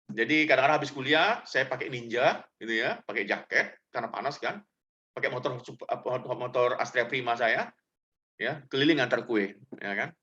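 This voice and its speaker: A man's voice: medium pitch, bright, forceful tone, muffled recording. A middle-aged man giving a casual talk to students, telling personal stories in a chatty, loose way with many fillers. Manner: chatty, loose, full of fillers, addresses listeners directly. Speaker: guest speaker.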